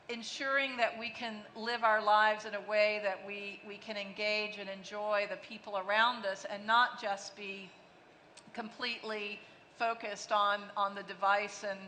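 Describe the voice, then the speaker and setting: Woman, executive, conference panel answers, bright tone, reverberant hall, restarts phrases. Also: medium pitch, flat delivery, normal speed. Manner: fluent, with frequent restarts and fillers. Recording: long hall reverb, faint noise.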